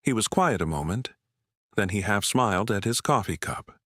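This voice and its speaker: Man, storyteller, measured narration, low pitch, lively intonation, dry close sound. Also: dry recording. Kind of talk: scripted narration of a first-person story.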